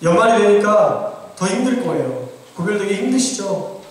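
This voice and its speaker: Pastor guy preaching, kinda high voice, super echoey church, mic way off. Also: big pitch swings, normal speed. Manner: earnest, exhorting, addresses congregation directly. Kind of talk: sermon. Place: church sanctuary. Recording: very echoey church room, from far off.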